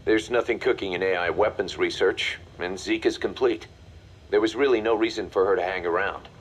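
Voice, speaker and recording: An actor playing a mercenary second-in-command in a video game, briefing in a confident, matter-of-fact, commanding way. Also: male voice, on the low side, fairly quick, a little hiss or hum, close to an everyday voice. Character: brisk, hard-nosed male mercenary second-in-command. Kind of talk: video game voice acting, mission briefing dialogue.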